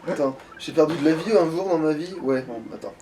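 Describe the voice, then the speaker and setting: A man with a fairly high voice hosts a casual let's-play. He talks crudely and swears, with faint noise in the background. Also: a little fast. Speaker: gaming video host, playing.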